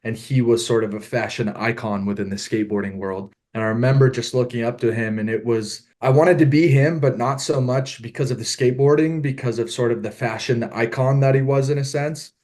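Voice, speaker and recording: A man's voice: medium pitch, fairly even intonation, brisk, few pauses, a little mellow. A middle-aged man from Southern California, a podcast guest on a video call, telling his story in an earnest, reflective way. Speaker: podcast guest, apparel founder. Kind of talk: casual interview storytelling.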